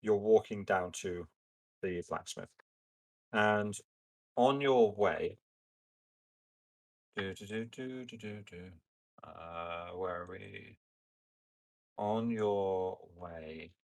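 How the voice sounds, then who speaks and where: Slow-paced male game master. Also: fairly low pitch, darkish tone. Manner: halting, improvised, thinking aloud. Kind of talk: narrating a tabletop game.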